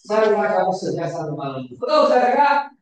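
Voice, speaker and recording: Animated preacher in an echoey church. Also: male voice, high-pitched, moderate pace, slight background noise. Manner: animated, repeats words, shouts for emphasis. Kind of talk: sermon with questions to the congregation. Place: church hall. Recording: very echoey church hall, far from the mic.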